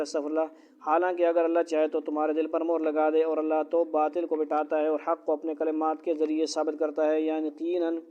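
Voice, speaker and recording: Male Quran teacher in a classroom, slightly high, steady voice, dull recording. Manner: recites Arabic quickly, then explains slowly in Urdu with questions to the class. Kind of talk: Quran translation and grammar lesson to students. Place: classroom with students.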